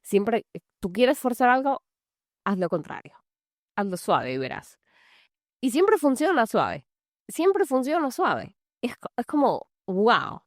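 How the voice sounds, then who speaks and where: A woman's voice: a little high, very animated, measured pace, pauses often, no room sound, studio quality. A woman who coaches mothers on anger, giving loose, conversational advice full of fillers. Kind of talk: casual talking-to-camera advice. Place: large house.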